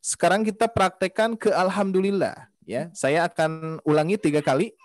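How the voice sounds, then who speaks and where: A man's voice: high voice, steady tone, no room sound, clean studio sound. A man teaching Quran recitation in an online class, patiently walking students through a melody step by step. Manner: patient, repeats melody drills slowly and sings the tones. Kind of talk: online class over video call. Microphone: video call.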